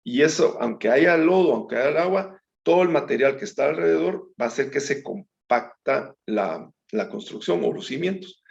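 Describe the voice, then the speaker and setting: A man's voice: fairly high pitch, lively intonation, moderate pace, creaky. A man teaching a Bible study in a conversational way, calling his listeners brethren and reading scripture aloud. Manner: reads scripture aloud with small slips. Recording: dull lo-fi recording.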